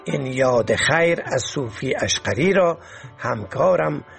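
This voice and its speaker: A man's voice: medium pitch, animated, gravelly, fairly bright tone, faint music behind. A man presenting a literary radio program in a formal, composed way.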